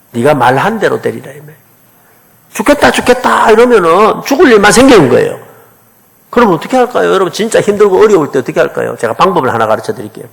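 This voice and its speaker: A man's voice: high-pitched, gravelly, a bit bright. A man preaching a sermon as a pastor, questioning the congregation.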